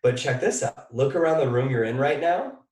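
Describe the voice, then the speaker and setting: A man giving a motivational training talk on a live team call, energetic and speaking straight to his listeners. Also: mid-range voice, moderate pace, far from the mic. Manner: energetic, coaching, talks straight to the audience. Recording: echoey room, voice a little off the mic.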